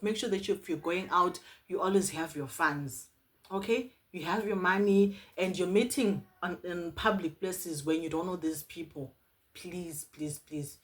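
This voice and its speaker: A young woman vlogger from South Africa telling a personal story to camera in an earnest, animated way, often pleading and repeating herself. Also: lowish voice.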